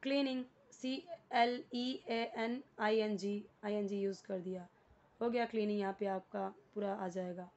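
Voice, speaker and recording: A woman's voice: mid-range voice, fairly even intonation, measured pace, a little mellow, dull audio. A woman with an Indian accent teaching beginner English, explaining a worksheet patiently and spelling words out letter by letter.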